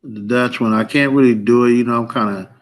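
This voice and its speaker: A man's voice: mid-range voice, steady tone, fairly quick, poor audio. A man chatting casually as a guest, playful and hesitant, with many fillers. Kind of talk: casual podcast chat.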